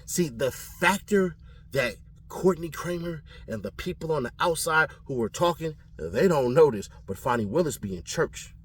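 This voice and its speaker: A man from California giving casual commentary on his channel, animated and slangy, often laughing. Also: on the high side, moderate pace, a little hiss or hum. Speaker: commentary vlogger.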